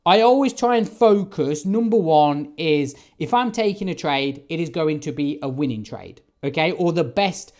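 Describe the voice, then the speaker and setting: A man's voice: a little high, expressive, normal speed, few pauses, a little mellow. A man trading forex, giving an emphatic, casual vlog monologue and often checking in with "right?". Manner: emphatic, keeps asking "right?". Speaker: forex trader.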